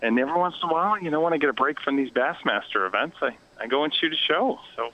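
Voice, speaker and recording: A man speaking as a guest on a radio interview, talking quietly and self-deprecatingly from outdoors by a lake. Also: a little high, lively intonation, rapid-fire, muffled recording. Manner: hushed, quieter than usual. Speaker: guest, fishing show host. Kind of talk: casual radio interview chat.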